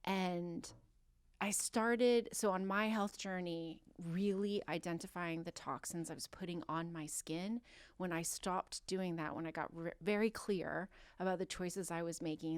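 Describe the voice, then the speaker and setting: A woman's voice: on the low side, smooth, no echo. A woman in her forties, a health coach and author, speaking earnestly and with self-assurance as a podcast guest. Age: 40s. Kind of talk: casual podcast interview.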